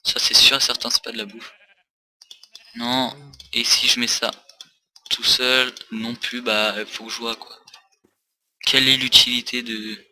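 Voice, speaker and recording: A man's voice: mid-range voice, flat delivery, measured pace, pauses often, bright, forceful tone. A tired man rambling through casual gaming commentary with many hesitations, recorded on a desk mic for a facecam. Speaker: let's play host.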